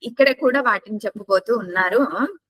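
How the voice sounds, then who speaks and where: A woman teaching a class, who chants verses slowly, repeats each line, then explains the tone marks in plain speech. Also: mid-range voice, a bit bright, a little hiss or hum. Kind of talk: class on reciting a scripture with its commentary.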